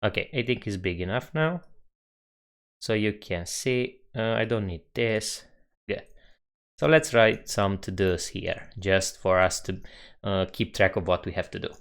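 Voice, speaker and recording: A young man with a Romanian accent talks through his code on a live stream, slowly and in an easygoing way. His voice sits fairly low, and he muses aloud while he works at his desk mic. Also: clean tone. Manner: unhurried, musing, reads chat aloud. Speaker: coding streamer.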